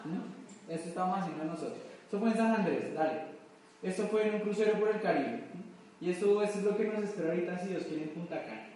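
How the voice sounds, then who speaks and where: A man's voice: high voice, fast talker, darkish tone. Colombian man giving a motivational talk. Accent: Colombian Spanish. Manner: rhetorical questions, folksy storytelling. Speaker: motivational speaker at a business event. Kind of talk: motivational talk to a live audience. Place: large echoey event hall. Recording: echoey hall from far off.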